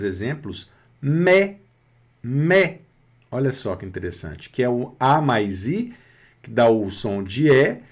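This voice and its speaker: A man teaching French pronunciation, patiently repeating each word and asking the listener to repeat it. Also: medium pitch. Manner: patient, repeats words slowly and asks for repetition. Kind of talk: pronunciation lesson.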